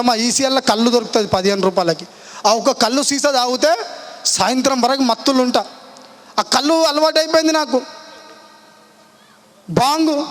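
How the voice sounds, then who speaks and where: A young man, telling his personal testimony at a church meeting in rapid, impassioned colloquial speech. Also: very high-pitched, a bit bright. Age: young adult.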